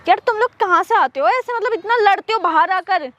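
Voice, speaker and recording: A woman acting a young bystander who tries to calm a public quarrel in a staged skit. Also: very high voice, a little fast, no room sound, lo-fi sound. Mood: reasoning. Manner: reasoning, then exasperated. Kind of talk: staged street confrontation skit.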